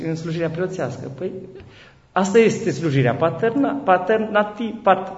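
A man preaching as a bishop, telling stories in a lively way, his voice climbing high when he gets excited and often restarting his words. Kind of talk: sermon with storytelling. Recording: dull echoey hall recording.

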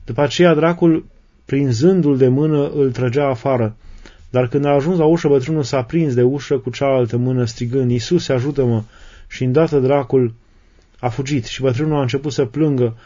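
A man gives a sermon in a mellow, dark voice. He moves from reading to unhurried explanation, pausing and restarting as he goes. The recording sounds dull and lo-fi. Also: mid-range voice, steady tone. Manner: reads a passage, then retells and explains it with fillers and restarts. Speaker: Orthodox preacher. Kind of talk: sermon reading and explaining desert fathers' sayings.

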